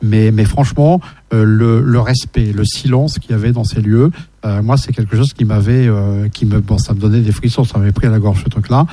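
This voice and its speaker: A man's voice: lowish voice, steady tone, fairly quick, dark tone, dry recording. A man hosting a casual discussion, speaking hesitantly with many fillers and restarts, passing a shared microphone. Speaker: host.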